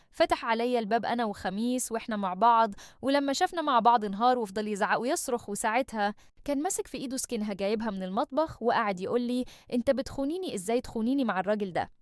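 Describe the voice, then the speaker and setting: Fast-talking Egyptian woman storyteller. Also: fairly high pitch, dry recording, studio quality. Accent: Egyptian Arabic. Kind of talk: first-person story narration.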